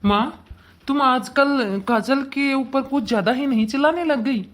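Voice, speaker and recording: A woman voicing a weak-willed adult son and father in a cartoon, who talks softly and gives in easily. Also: high voice, unhurried, slight background noise. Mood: stern. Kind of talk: cartoon voice acting.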